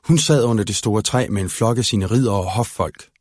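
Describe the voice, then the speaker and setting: A man calmly narrating a fairy-tale storybook aloud. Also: fairly low pitch, no echo, studio quality. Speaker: audiobook narrator.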